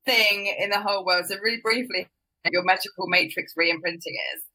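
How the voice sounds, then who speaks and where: A woman's voice: mid-range voice, brisk, bright, forceful tone, rough recording. A woman hosting a podcast and live stream, chatting in a bubbly, gushing way and laughing often. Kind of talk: casual interview chat.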